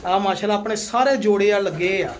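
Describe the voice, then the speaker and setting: A man's voice: sits high, fairly quick, slight background noise. A man hosts a chatty walkthrough of his pigeon loft, showing off his birds and blessing them often, with pigeons cooing behind him. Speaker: pigeon keeper and channel host.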